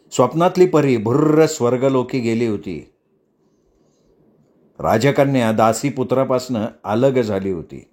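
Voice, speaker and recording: A man reading a novel aloud as a storyteller in a slow, dramatic manner. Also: mid-range voice, darkish tone.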